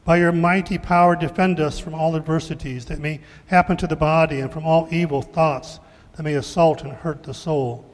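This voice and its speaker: A male pastor leading the liturgical prayers in a measured, formal way, his voice ringing with a cathedral-like echo. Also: fairly high pitch, fairly even intonation. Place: church sanctuary.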